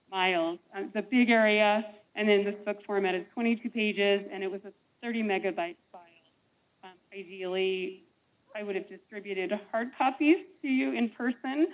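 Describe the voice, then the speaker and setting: Woman, staff presenter, masked, measured explanatory talk, voice breaking up, thin phone-like sound. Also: mid-range voice. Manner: measured, explanatory, frequent ums. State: speaking through a face mask. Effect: voice cutting in and out over a thin remote line. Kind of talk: meeting presentation. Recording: tinny phone-like line, breaking up.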